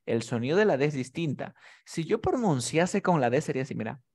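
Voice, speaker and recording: A man's voice: a little high, sing-song, fairly quick, a little mellow, husky. A man teaching a one-on-one pronunciation lesson, patiently demonstrating sounds and coaxing his student. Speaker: English teacher.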